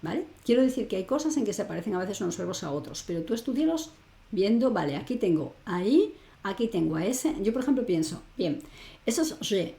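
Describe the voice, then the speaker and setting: A woman's voice: medium pitch, big pitch swings, brisk, vocal fry, dark tone. A woman from Spain teaching French grammar in an online lesson, explaining patiently and often checking in with the learner. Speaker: language teacher.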